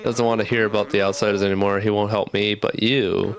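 A man's voice: fairly low pitch, flat delivery, brisk, lightly acted. A man voicing a hopeful, earnest small robot companion, reading game lines aloud in a raised voice.

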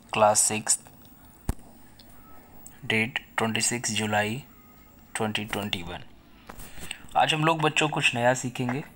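Indian-accented male teacher for a recorded kids' lesson, very unhurried and patient, mid-pitched. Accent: Indian English. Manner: slow, patient, explains each point in Hindi and English. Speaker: school English teacher. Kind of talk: recorded online lesson for children.

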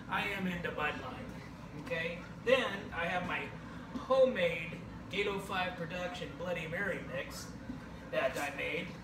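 A man in his forties with a high-pitched voice rambles and jokes through a home cooking demonstration, tagging "okay?" onto his lines. He is recorded from across an echoing kitchen on a distant camera mic. A steady hiss of noise sits under his voice. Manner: jokey, rambling, keeps saying okay. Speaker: home cooking show host. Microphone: camera across the room.

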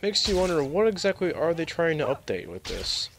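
A young man giving live let's play commentary, sarcastic and rambling, reacting loudly to glitches. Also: on the high side, big pitch swings, brisk, creaky, noisy background. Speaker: gaming commentator.

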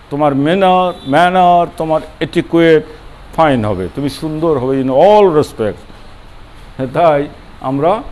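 An older man with a mid-range, darkish voice, a former college principal, delivers a classroom grammar lecture. He speaks emphatically, repeats key words, and breaks them into syllables, asking students questions and then answering them himself.

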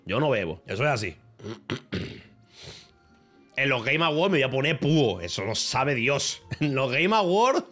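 A man with a Spain Spanish accent rambles casually to his livestream audience. He jokes and speaks sarcastically, swearing often, in an ordinary mid-pitched voice. Faint music plays behind him. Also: fairly bright tone. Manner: joking, sarcastic, heavy swearing. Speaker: streamer.

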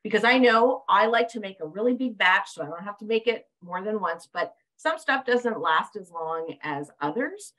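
A woman's voice: mid-range voice, lively intonation, normal speed, hardly any pauses, fairly bright tone, low-quality recording. A woman moderating a webinar over a video call, reading viewer questions in a bubbly, chatty way. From Canada. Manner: bubbly, fillers and restarts. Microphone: video call webcam.

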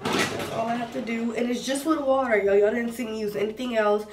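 A woman's voice: fairly high pitch, fairly even intonation, a little fast. A young woman with a stuffy nose from a cold, chatting casually to viewers while showing her hair. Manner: chatty, addresses viewers as y'all. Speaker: vlogger. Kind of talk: casual hair tutorial vlog. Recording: echoey room, distant mic, noisy background.

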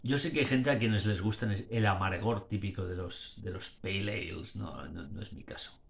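A man's voice: low voice, moderate pace, vocal fry. Rambling tipsy man reviewing a beer. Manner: slurred, rambling speech with restarts, playing up drunkenness. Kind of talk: casual video review. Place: small dim room indoors. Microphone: webcam or phone at arm's length.

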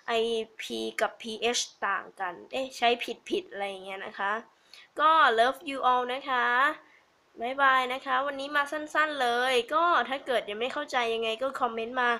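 A woman's voice: a little high, moderate pace, gravelly, pushed and bright. A young woman with a Thai accent, chatting casually and giggling as she teaches English vocabulary on her channel.

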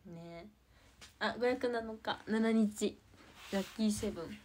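A teenage girl with a soft, quiet voice, chatting casually on a livestream, rambling with many fillers and giggles. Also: mid-range voice, slow pace, slight background noise. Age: teens. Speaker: idol livestreamer.

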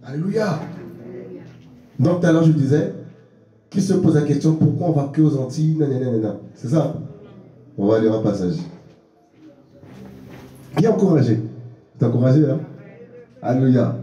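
A man preaching a lively sermon at a conference, often laughing, calling out hallelujah and speaking straight to his listeners. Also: medium pitch. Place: conference hall. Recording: roomy sound from a distant mic.

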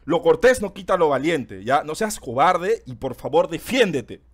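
A man chatting loudly on a game stream, excitable and swearing often. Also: fairly high pitch, moderate pace. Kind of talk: casual stream chat.

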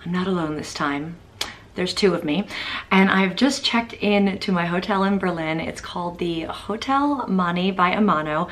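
Speaking at a moderate pace with a lowish voice, this thirty-something travel vlogger from Boston, USA, shows off a small hotel room. She films on a handheld camera held at arm's length and stays chatty and upbeat, thinking out loud with fillers.

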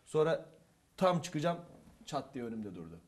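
A man's voice: mid-range voice, normal speed. A young man from eastern Turkey, a theatre club instructor, telling stories animatedly in a casual interview and acting out the dialogue. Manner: animated, acts out quoted dialogue with shifting loudness.

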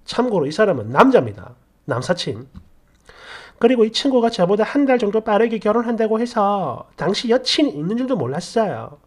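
A woman's voice: medium pitch, sing-song, a little fast, husky. A woman narrating a story in the first person, sounding indignant and aggrieved as she complains.

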